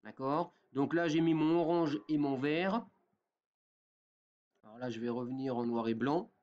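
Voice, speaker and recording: A man giving a step-by-step software tutorial, with many fillers and a habit of asking "d'accord?" after each step. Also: medium pitch, a little slow, dull audio. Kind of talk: screen-recorded software tutorial.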